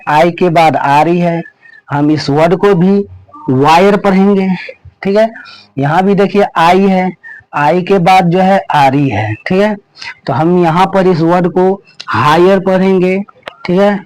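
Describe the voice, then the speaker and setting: Slow, repetitive male teacher. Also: sits high, no room sound, rough recording. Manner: slow, repeats rules and words over and over. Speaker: English teacher. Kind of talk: pronunciation lesson.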